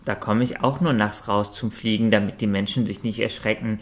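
A man's voice: lowish voice, fairly even intonation, brisk, lightly acted. A man reading aloud, voicing a big, cheerful female dragon who chats in easy colloquial speech. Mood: easygoing. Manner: easygoing colloquial chatter.

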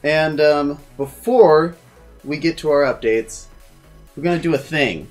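A man's voice: a little high, a little slow, faint music behind. A man co-hosting a casual channel update, rambling and teasing his partner. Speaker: channel co-host. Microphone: phone or laptop mic.

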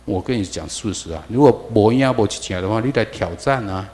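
A man's voice: lowish voice, brisk, darkish tone. A man with a Taiwanese Mandarin accent giving a classroom lecture, firing rhetorical questions at the class and slipping into Taiwanese. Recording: long hall reverb.

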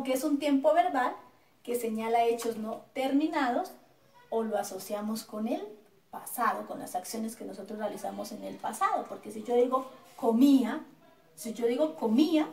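A woman's voice: on the high side, warm tone, far from the mic, slight background noise. A woman teacher with a Colombian accent giving a recorded grammar lesson in a classroom, speaking patiently, repeating words and checking with her students. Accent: Colombian Spanish. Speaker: schoolteacher. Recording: echoey room, voice off-mic.

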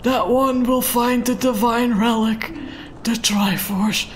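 A woman voicing an ancient, dying male tree spirit, reading game dialogue aloud in a slow, solemn, archaic way. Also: fairly high pitch, steady tone, a little hiss or hum.

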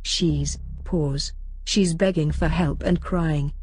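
A woman's voice: low voice, steady tone, slow. A woman voicing a young female test subject in her twenties who reports casually and hesitantly, with fillers. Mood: uneasy. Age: 20s.

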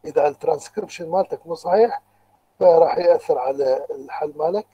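Here a man with an Iraqi Arabic accent lectures online at university level, explaining things patiently one step at a time and quizzing his students. His high-pitched voice is mellow with a breathy edge, and the computer-mic recording sounds muffled.

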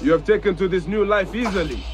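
An actor playing a stern, wary warrior in a video game, terse and grave in manner. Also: male voice, sits high, quick pace, over music, close to an everyday voice. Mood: grave, questioning. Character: stern, wary male warrior, a former Medjay.

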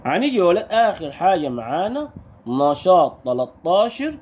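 A man with an Egyptian Arabic accent teaching young pupils their letters, stretching sounds out slowly and firing quick questions at the children. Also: high-pitched, very animated, a little mellow, slightly rough. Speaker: primary school Arabic teacher. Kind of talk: recorded lesson for young children.

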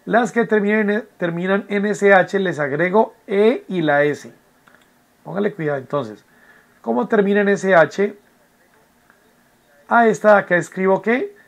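Man, teacher at home, fairly high voice, patient, repeats rules, checks understanding. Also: measured pace, pauses often. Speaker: English teacher. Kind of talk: recorded online class explanation.

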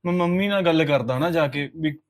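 A man acting a young husband in a short drama film, calming his crying wife with repeated reassurances. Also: a little high, a little fast, close to an everyday voice. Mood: placating. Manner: placating, coaxing, repeats reassurances. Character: young husband, soothing and placating.

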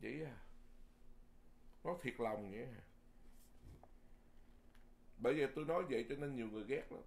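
A man who is a Buddhist monk, giving a Dharma sermon in a lively, folksy way, often repeating words and chuckling. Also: mid-range voice, moderate pace, creaky.

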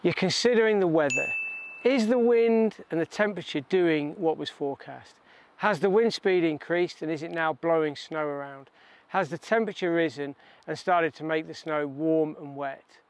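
Upbeat mountain guide outdoors. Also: male voice, fairly high pitch, normal speed, no echo. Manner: clear, upbeat explaining. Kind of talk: outdoor instructional talk.

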